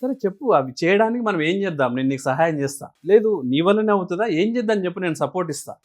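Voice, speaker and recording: Man, interview guest, lively pitched delivery, rhetorical questions. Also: quick pace. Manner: animated, asks and answers his own questions. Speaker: guest speaker on emotions. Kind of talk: explanatory interview talk.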